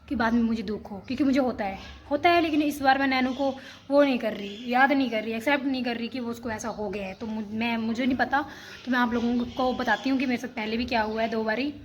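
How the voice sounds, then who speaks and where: Chatty young woman vlogger, higher voice. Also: slight background noise. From Himachal Pradesh, India. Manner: rambling, chatty, many restarts and fillers. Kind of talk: casual storytelling to camera.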